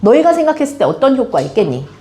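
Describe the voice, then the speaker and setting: Woman teacher explaining stuff to her class, kinda high voice, keeps asking the kids questions. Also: fast. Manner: animated, quizzes students with questions. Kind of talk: classroom literature lecture.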